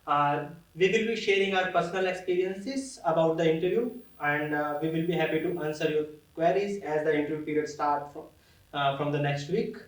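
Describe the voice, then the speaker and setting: A man introducing a panel and its live question session, steady, with a few fillers. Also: on the high side. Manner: measured announcement with fillers. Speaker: panel host. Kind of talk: casual panel discussion. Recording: echoey room, distant mic.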